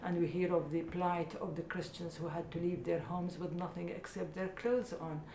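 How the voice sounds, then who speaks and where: Answering interview questions about her charity, a middle-aged founder from Iraq speaks with earnest sincerity but hesitates often. Her voice is warm and steady, at a normal speed, and the recording carries room echo plus a faint rumble.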